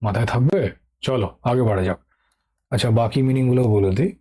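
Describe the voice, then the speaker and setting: A middle-aged man with a Bengali accent speaks fast at medium pitch, his tone warm with a breathy edge. Teaching English vocabulary for exam prep in an online lesson, he patiently repeats key words and often checks in with "ঠিক আছে?".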